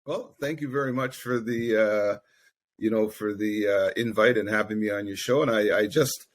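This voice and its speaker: A man's voice: fairly low pitch, normal speed. A middle-aged man from Grenada, a guest in a casual interview, talking easily with many fillers. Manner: easygoing, many fillers like "you know" and "um". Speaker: guest, investment firm founder.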